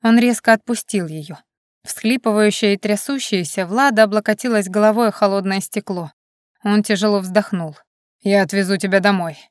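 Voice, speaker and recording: A woman's voice: mid-range voice, moderate pace, no echo, studio quality. Dramatic woman audiobook narrator. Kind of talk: scripted narration.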